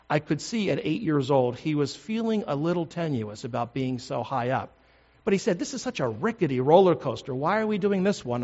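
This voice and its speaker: An older man, a pastor, preaching a sermon in a measured, deliberate way, stressing words one by one. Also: medium pitch, muffled recording.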